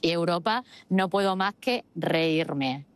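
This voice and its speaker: A woman hosts opinionated political commentary, arguing emphatically with rhetorical questions and repeated phrases for stress. Her voice is lowish, slow and smooth, with no room sound.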